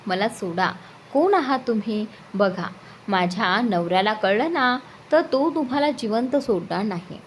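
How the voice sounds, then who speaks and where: A woman's voice: medium pitch, lively intonation, a little slow, slight background noise, lightly acted. Woman voicing a young wife in a romance. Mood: frightened. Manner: pleading, teasing. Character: young wife, startled then playful.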